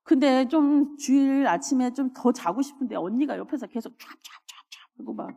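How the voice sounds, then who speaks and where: A woman pastor preaching a sermon, telling personal stories with animated delivery and acting out scenes. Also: on the high side. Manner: animated storytelling, acts out scenes. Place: church sanctuary. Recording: long church reverb.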